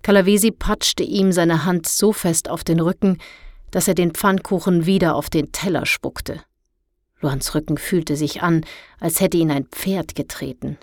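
A woman narrating a children's storybook in a calm, measured way. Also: lowish voice, no room sound, studio quality. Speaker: audiobook narrator.

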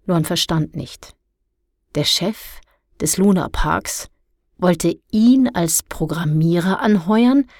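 A woman narrating a children's storybook in a calm, measured way. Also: lowish voice, dry recording, studio quality. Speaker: audiobook narrator.

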